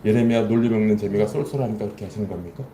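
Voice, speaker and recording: A man preaching a Sunday sermon as pastor, animated, asking his congregation questions and acting out lines in a spoken voice. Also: fairly low pitch, racing, roomy sound, a little hiss or hum. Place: church sanctuary.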